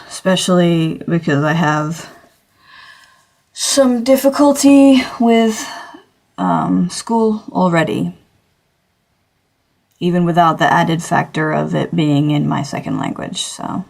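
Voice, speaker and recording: A woman's voice: lowish voice, slow, gravelly, long pauses, a little mellow. A teenage girl from Australia, chatting casually on a drawing livestream and rambling with lots of fillers and self-corrections. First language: English. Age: teens. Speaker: streamer.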